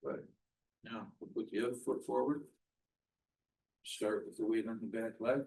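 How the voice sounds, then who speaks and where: A man instructing a qigong class, giving measured step-by-step movement cues in short, spaced phrases. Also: on the low side, fairly even intonation, creaky, a little mellow, rough recording.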